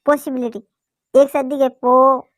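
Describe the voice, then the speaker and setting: A woman's voice: a little high, normal speed, no echo, clean studio sound. A woman teaching a basic English lesson, asking questions and answering them herself. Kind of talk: classroom lesson explanation.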